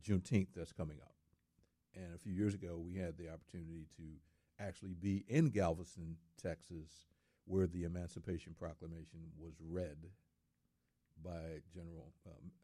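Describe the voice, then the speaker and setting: A man's voice: low voice, warm tone, dry recording. A middle-aged man in casual studio talk, speaking earnestly and repeating words for emphasis.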